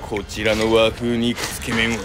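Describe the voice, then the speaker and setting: A man's voice: lowish voice, monotone, measured pace, noisy background. Stiff, formal samurai-style man reviewing food. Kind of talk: mukbang food commentary in samurai persona.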